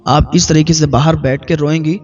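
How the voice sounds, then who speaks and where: A preacher doing a gentle pious scholar son. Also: male voice, on the high side, pitched below the performer's own voice, lightly acted. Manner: soft, calm, patient counselling. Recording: dull lo-fi with faint music.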